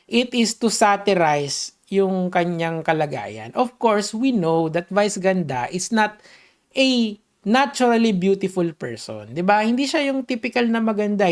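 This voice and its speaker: A woman's voice: fairly low pitch, a little mellow. A woman doing reaction commentary, mocking and switching between Tagalog and English. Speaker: commentary vlogger.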